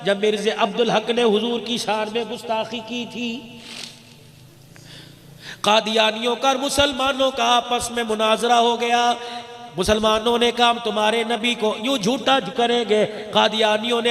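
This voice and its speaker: Recorded in an echoey hall with long reverb, a man preaches a sermon in a very high, slightly bright voice at normal speed with little pitch movement. He tells a story in an impassioned, chanting cadence.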